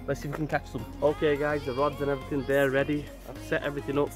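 A man, vlogging casually to a handheld camera in his car, outdoors and in shops, chatty and excitable. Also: mid-range voice, very fast, over music. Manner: chatty, excitable, says "right?" and "let's go" often. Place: car, outdoors in town and by a river, shop. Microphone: phone or action camera held at arm's length.

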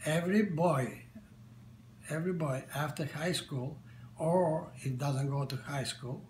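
Older Bulgarian-accented man, halting speech. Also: fairly high pitch, darkish tone, slight background noise. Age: 70s. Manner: halting, with frequent fillers and restarts. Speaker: interviewee. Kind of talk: casual interview. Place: living room, on a sofa. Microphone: camera at medium distance. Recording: echoey room.

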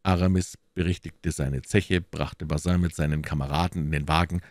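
A man reading a classic novel aloud as an audiobook narrator, expressive and storytelling. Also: extremely low pitch, normal speed, no echo, clean studio sound. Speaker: audiobook reader.

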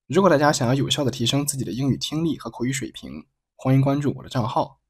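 A man teaching English pronunciation, explaining slowly and carefully and reading example sentences aloud. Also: medium pitch, breathy edge. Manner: slow, careful demonstration of sounds.

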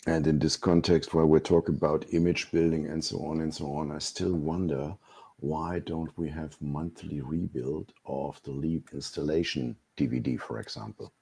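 A man with a very low, dark voice talks on a video call. He speaks haltingly, restarting and repeating words as he thinks, with a somewhat husky tone. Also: steady tone. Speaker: community board member. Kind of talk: casual meeting discussion.

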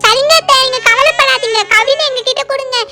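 A woman's voice: very high-pitched, fairly quick. A woman doing chirpy little girl dolls. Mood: eager. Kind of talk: Barbie doll play-acting.

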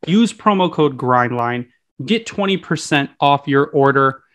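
A man's voice: medium pitch, animated, a little slow, a bit bright. A man co-hosting a podcast in a teasing, joking way. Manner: jokey, teasing. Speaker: podcast co-host. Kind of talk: casual podcast chat and ad read.

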